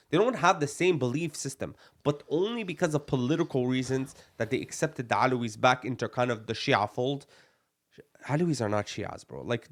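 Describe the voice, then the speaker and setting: Young man, podcast co-host, fairly high voice, blunt and heated, says "bro" a lot. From Palestine. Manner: blunt and emphatic, repeats "bro" and Arabic phrases.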